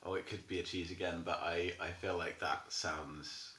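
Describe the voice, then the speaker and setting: Low, bright-voiced man guessing hesitantly; echoey room. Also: little pitch movement, normal speed. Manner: thinks aloud, hesitant with many ums. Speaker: quiz contestant. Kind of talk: casual game chat. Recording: echoey room, faint noise.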